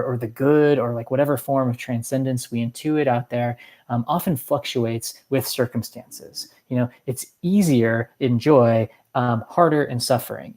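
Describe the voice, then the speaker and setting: A mid-pitched voice of a literature teacher delivering an informal lecture. The speaker rambles in a reflective, professorial way, thinking through each point aloud. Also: darkish tone.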